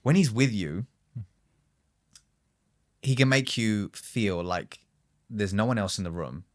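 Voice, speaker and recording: A man talking as a podcast guest in a studio, earnest and emphatic, slowing down as he reflects. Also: fairly low pitch, animated. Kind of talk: reflective interview conversation.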